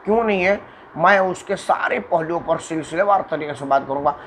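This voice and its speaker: A man from Uttar Pradesh delivers a long political monologue straight to his viewers, hammering points home with repetition and sudden shifts in intonation. His voice sits a little high for a man. A faint background noise runs under the recording. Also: brisk, fairly bright tone, poor audio. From Uttar Pradesh, India. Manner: emphatic, repetitive, demonstrates intonation with dramatic shifts. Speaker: political commentator. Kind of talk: monologue to camera.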